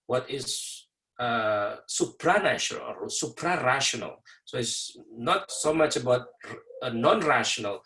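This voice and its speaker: A man teaching a university class over a video call, explaining slowly with many fillers and pauses. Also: mid-range voice, lively intonation, sharp tone, poor audio. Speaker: university professor. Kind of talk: online lecture with class introductions.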